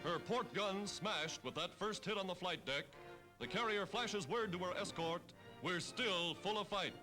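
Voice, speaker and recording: Newsreel narrator, man: punchy wartime delivery, pitched high, music bed under, old newsreel sound. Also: unhurried, low-quality recording. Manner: dramatic, punchy announcing. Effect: old newsreel recording with music.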